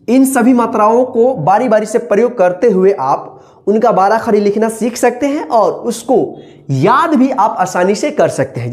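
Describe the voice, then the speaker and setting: A woman's voice: on the high side, a little mellow. A woman teaching Hindi vowel signs, patiently repeating each syllable and explaining step by step. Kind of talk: slow step-by-step reading lesson.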